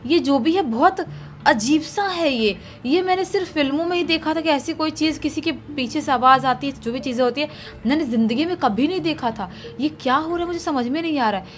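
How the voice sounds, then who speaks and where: A woman's voice: high voice, brisk, soft background music, voice pushed up, natural voice. Woman voicing a spooked young husband. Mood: bewildered. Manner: rattled, stammering, bewildered. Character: frightened young husband hearing ghost voices.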